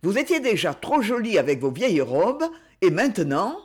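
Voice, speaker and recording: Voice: mid-range voice, very animated, moderate pace, darkish tone, husky. A reader doing an impetuous, gallant young man. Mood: indignant.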